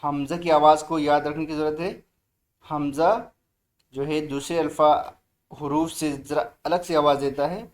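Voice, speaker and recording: A man teaching Quran reading in a recorded online lesson, drawing out each letter sound slowly and urging the learner to read aloud. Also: on the high side, flat delivery. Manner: slow drawn-out letter drills, brisk asides to the student.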